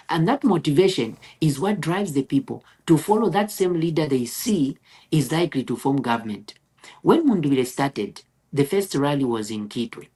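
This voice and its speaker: A woman's voice: deep voice, a little mellow, husky. A woman from Zambia giving political commentary in a live discussion, earnest and argumentative, often posing rhetorical questions.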